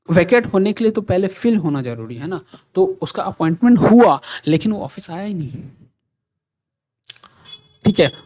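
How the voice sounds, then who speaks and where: A male teacher giving an exam-prep law lecture. He reads provisions out slowly and then explains them casually, often asking his students whether they follow. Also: a little high. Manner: reads the text out slowly, then explains it in Hindi mixed with English; asks rhetorical checks like "thik hai?".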